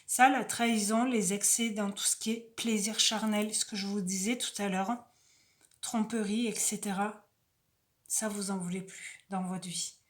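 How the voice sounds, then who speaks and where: Woman, slow unhurried delivery, soft-spoken, casual oracle card reading. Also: medium pitch, steady tone. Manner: slow, soft-spoken, reads cards aloud with chatty asides.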